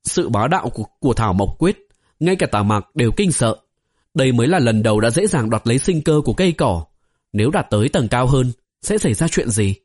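A man narrating a fantasy novel as an audiobook, in a steady storytelling manner. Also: mid-range voice, brisk, slightly rough. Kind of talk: scripted narration.

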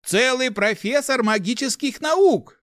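A man's voice: sits high, very animated, normal speed, sharp tone, no echo, studio quality, voice pushed up, heavily acted. A man voicing a cheeky young male thief in an audiobook, taunting him in a sing-song way. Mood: theatrical. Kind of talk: audiobook character voice.

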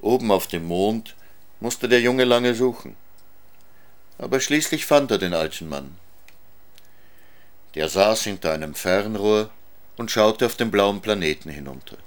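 A man reading a children's story aloud in a calm, measured way. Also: on the low side.

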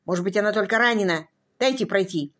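A woman's voice: medium pitch, fast talker, natural voice. A woman voicing a dry, weary male doctor who speaks curtly. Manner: dry, curt.

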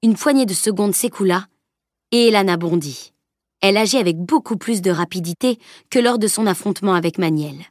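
A woman narrates a scripted audiobook in a steady, even storytelling manner. Her pitch is medium and her pace brisk, with clean studio sound and no room sound.

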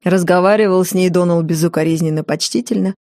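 A woman narrating a first-person audiobook in a wry, lively storytelling manner. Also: lowish voice, fast, dry recording, clean studio sound.

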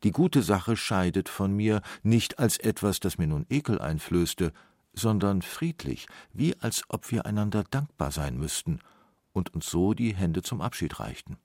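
A man reading a philosophical text in a calm, reflective manner. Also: low voice, measured pace, dry recording, clean studio sound. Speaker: reader.

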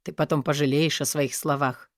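A woman playing a soft-spoken, meek young lord. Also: low-pitched, fairly even intonation, normal speed, no echo, clean studio sound, voice pushed down, close to an everyday voice. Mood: pleading. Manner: soft, hesitant.

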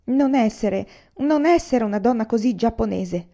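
A woman's voice: on the high side, animated, moderate pace, mellow, pitched above the performer's own voice. A woman reading a heated, accusing husband. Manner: raised, insistent outbursts. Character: angry, accusing Chinese husband, adult man. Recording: slightly dull lo-fi recording.

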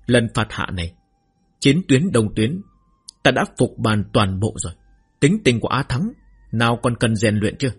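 A man voicing a genial elderly high official who speaks mildly and courteously. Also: big pitch swings, moderate pace, husky, faint music behind. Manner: mild, courteous.

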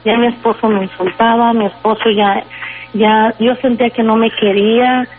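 A woman's voice: fairly high pitch, flat delivery. Earnest woman on a phone line. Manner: earnest, halting storytelling with frequent fillers. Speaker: guest sharing a faith testimony. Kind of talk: personal testimony on call-in radio. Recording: tinny phone line with faint music.

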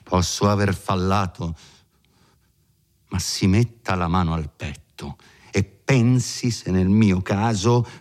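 A man's voice: sits low, slow pace, a little mellow. A man voicing a hot-tempered young peasant who presses and threatens with insistent demands. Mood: restrained.

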